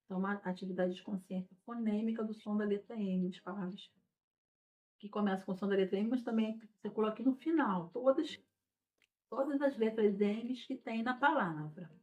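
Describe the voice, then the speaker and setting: A woman teacher patiently explains a lesson, frequently checking in with her listeners along the way. Her voice is mid-range and darkish, at a moderate pace. It was recorded without a microphone, giving a dull, lo-fi sound.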